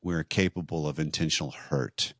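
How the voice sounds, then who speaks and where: A man co-hosting a marriage podcast, teaching in a measured, explanatory way with rhetorical questions. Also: rumbling low, fairly even intonation, a bit bright, no room sound, studio quality.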